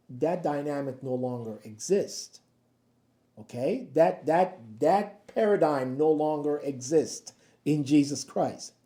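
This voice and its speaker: In an echoey room, a man whose voice is a bit high and mellow delivers a chatty daily Bible devotional to the camera as a pastor. He repeatedly asks "okay?" and "right?" to stay connected with his listeners.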